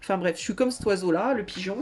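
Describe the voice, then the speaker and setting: A woman voicing a restless male tarot card who rambles about always rushing and crashing into things, full of hesitant restarts. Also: mid-range voice, a little mellow, husky, lightly acted. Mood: flustered.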